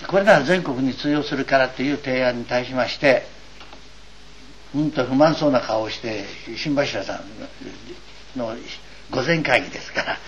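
A man's voice: medium pitch, normal speed. An older man from eastern Japan gives an earnest, wry and digressive doctrinal lecture as a religious teacher. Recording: dull lo-fi recording with faint hiss.

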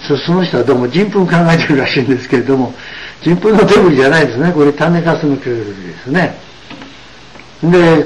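A man giving an explanatory religious lecture, emphatic and full of drawn-out asides. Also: mid-range voice, a little hiss or hum, low-quality recording. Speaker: religious teacher.

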